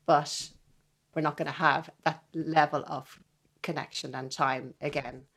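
A woman's voice: low voice, fairly even intonation, measured pace. A middle-aged woman, a violinist guest talking earnestly and reflectively in an interview, sometimes dropping to a near-whisper. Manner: earnest, wondering, trails into soft near-whispers.

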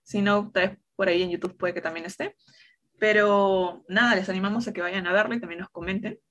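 A young woman co-hosting a casual talk show, relaxed and conversational. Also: mid-range voice, fairly quick, muffled recording. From Peru. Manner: relaxed, conversational, with many fillers. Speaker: co-host.

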